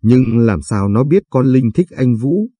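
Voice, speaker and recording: A man's voice: mid-range voice, expressive, unhurried, dark tone, husky, dry recording. A man voicing a tearful young woman who blames herself and pleads, in an audiobook reading. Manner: pleading, self-blaming.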